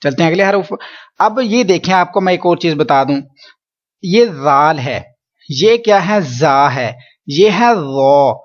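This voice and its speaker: A man teaching Quran letter pronunciation, patiently explaining and drawing each sound out slowly for students to repeat. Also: fairly high pitch, animated, muffled recording. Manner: slow drawn-out letter drills, patient explaining. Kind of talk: pronunciation lesson.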